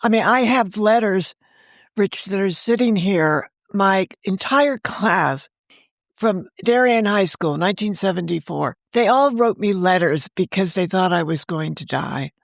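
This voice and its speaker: An American novelist in her sixties is a guest in a casual interview, talking earnestly but rambling, with frequent restarts. Her mid-range voice is expressive, a little slow, and has vocal fry, with no echo in the recording.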